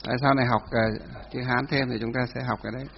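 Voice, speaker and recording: A man teaching a class on Buddhist doctrine, dictating slowly, repeating each phrase for note-taking and asking his students questions. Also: medium pitch, steady tone, gravelly, a little hiss or hum. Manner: asks students rhetorical questions. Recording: dull lo-fi sound with long hall reverb.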